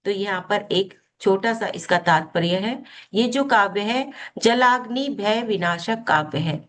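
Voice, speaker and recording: A woman's voice: medium pitch, a bit bright. A woman teaching a spiritual healing course, explaining a devotional hymn step by step, often posing a question and then answering it herself. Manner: explanatory, asks and answers her own questions; slow, deliberate chanting of mantra syllables.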